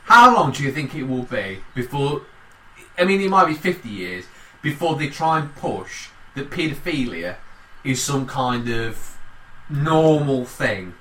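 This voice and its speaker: A man rambles through casual banter, swearing freely, his bright voice swooping with lively pitch. He sits off the mic in an echoey room, with a faint ambient hum behind him. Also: unhurried, recorded from a distance. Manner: animated, rambling, heavy swearing.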